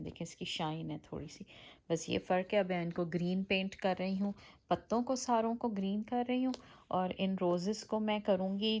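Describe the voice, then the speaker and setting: A woman's voice: lowish voice, slight background noise. A middle-aged woman hosting a casual craft vlog, chatting as she explains each step and often checking in with "okay". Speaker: vlog host.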